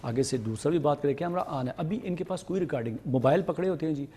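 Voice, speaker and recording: A man with a somewhat husky, slightly high voice speaks as a guest on a TV talk show. He talks earnestly, interjecting and repeating himself to get his point across. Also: lively intonation, dark tone. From Pakistan. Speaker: studio guest.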